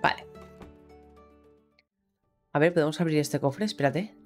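A woman's voice: deep voice, measured pace. A woman with a Spain Spanish accent giving casual gameplay commentary, chatty and exclamatory and swearing casually. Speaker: gaming streamer. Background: faint game music.

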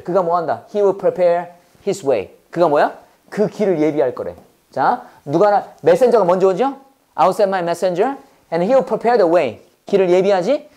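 A woman teaching English Bible verses, drilling listeners with quick rhetorical questions and mixing Korean explanation with English phrases in an emphatic, preacher-like way. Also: lowish voice, warm tone. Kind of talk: call-and-response memorization lesson.

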